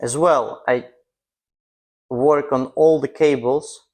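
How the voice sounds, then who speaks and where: A man with a Russian accent talking casually to camera as a vlog host, in halting non-native English broken into short phrases. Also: medium pitch, steady tone, a little mellow. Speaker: host of a car restoration channel. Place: garage.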